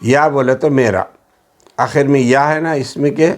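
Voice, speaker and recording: A man with a Hyderabadi Urdu accent teaching a classroom lesson, repeating each word and its meaning in a steady drill with English words mixed in. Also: medium pitch. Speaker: Arabic teacher.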